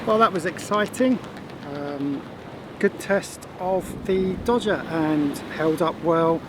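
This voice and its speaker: A man's voice: a little high, slow. A man giving a casual, explanatory sailing vlog in an understated way. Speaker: sailing vlogger. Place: aboard a sailing boat at sea. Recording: noisy boat with engine and water.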